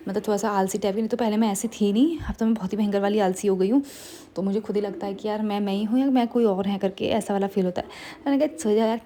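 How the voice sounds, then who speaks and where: A woman rambles through her day for her vlog, amused at herself. She talks quickly and sounds sleepy, with a mellow, dark tone. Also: mid-range voice. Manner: rambling, self-amused storytelling with many fillers. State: sleepy, low on energy. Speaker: vlogger. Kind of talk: casual chatty vlog narration.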